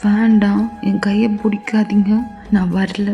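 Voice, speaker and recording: A woman's voice: medium pitch, level tone, unhurried, dark tone, in a large hall, dull audio, faint music behind, natural voice. A woman voicing a hurt young wife who firmly refuses her husband in a fan-made audio story. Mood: refusing. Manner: wounded and firm.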